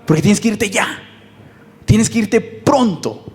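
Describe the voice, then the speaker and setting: A man with a Mexican accent preaching a sermon as pastor, lively and conversational, asking his listeners questions. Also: sits high, slow pace, a little hiss or hum. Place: church. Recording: long reverb in a church hall.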